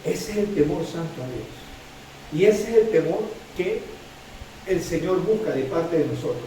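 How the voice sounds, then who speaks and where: A middle-aged man with a Chilean accent preaches in a high, mellow voice, often stumbling and repeating himself while checking that his listeners follow. He sounds distant from the mic, with heavy echo and faint noise behind him. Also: expressive, moderate pace. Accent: Chilean Spanish. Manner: repetitive, stammering restarts, frequent "¿sí?" to congregation. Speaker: pastor. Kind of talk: sermon. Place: church hall. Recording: very echoey hall from far off.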